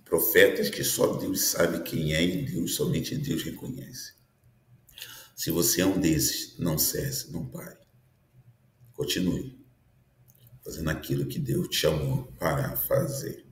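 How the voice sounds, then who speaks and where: A bass-voiced man in his fifties speaks slowly and steadily, with a roomy sound and a little background noise. As a pastor, he preaches a prophetic sermon earnestly and frequently asks his listeners tag questions.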